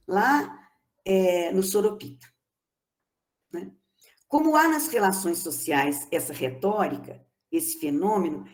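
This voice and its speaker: A woman with a Brazilian Portuguese accent giving an academic lecture as a lecturer, speaking in a measured, explanatory way and often adding short tag questions. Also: mid-range voice, a little mellow. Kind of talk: academic lecture reading from notes. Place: online meeting recording.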